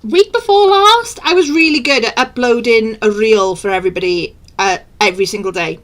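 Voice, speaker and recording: A woman co-hosting a podcast, chatting casually with quick asides. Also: mid-range voice, steady tone, fairly bright tone. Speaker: podcast co-host. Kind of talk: casual chat.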